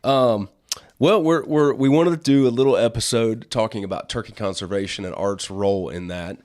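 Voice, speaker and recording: A man in his forties with a hoarse, smoker's rasp from being sick, chatting casually as a podcast host. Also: fairly low pitch, moderate pace, a little mellow. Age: 40s. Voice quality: raspy smoker's-style voice. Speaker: podcast host and wildlife artist.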